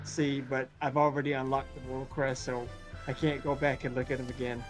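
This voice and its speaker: A man's voice: mid-range voice, level tone, normal speed. A man chatting casually as he streams a video game with a co-player. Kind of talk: casual gaming chat. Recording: loud music behind the voice.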